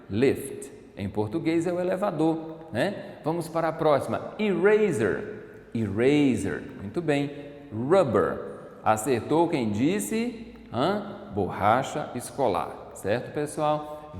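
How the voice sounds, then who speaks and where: A man from Brazil teaching an English class, explaining and slowly repeating words for his students. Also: medium pitch, darkish tone. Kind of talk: recorded online class lesson. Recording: echoey room with long reverb.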